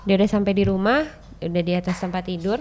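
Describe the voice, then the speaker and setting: A woman tells a long personal story as a podcast guest, speaking at a middling pitch. She is chatty and animated, and she keeps turning to the host as she talks. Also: quick pace, slight background noise. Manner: animated, acts out quoted people with sharp jumps in pitch and loudness. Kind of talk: casual storytelling chat.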